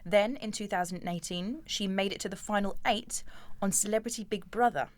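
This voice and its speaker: A woman co-hosts a conversational podcast, introducing guests and musing openly. She talks at an ordinary middle pitch and is unafraid to be blunt. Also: normal speed. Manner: chatty, speculative, blunt opinions. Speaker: podcast co-host. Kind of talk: casual interview chat.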